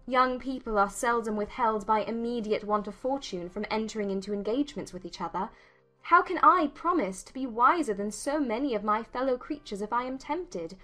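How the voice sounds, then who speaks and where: In an audiobook drama, a woman with a fairly high voice plays a witty, spirited young gentlewoman, articulate and expressive, teasing but sincere.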